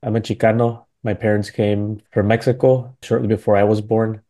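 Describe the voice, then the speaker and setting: Man, 30s, from Milwaukee, guest speaker, lowish voice, mellow tone, conversational delivery with "right?" tags. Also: level tone, moderate pace. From Milwaukee, United States. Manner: loose and conversational, tags many phrases with "right?" and "you know". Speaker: guest speaker, community organizer. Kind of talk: prepared talk at a panel event.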